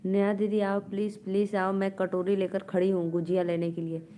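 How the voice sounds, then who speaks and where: A woman's voice: medium pitch, level tone, moderate pace, warm tone, a little hiss or hum. A woman with an Awadhi accent hosting a casual live stream from a phone, reading out viewer comments and bantering playfully with them.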